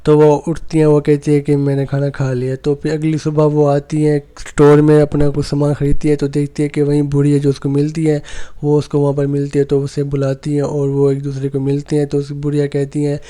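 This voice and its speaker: A man retelling a film's story in a steady recap voice. His pitch sits fairly high but barely moves, and his tone is dark and mellow throughout. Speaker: movie recap narrator. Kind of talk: retelling a film plot.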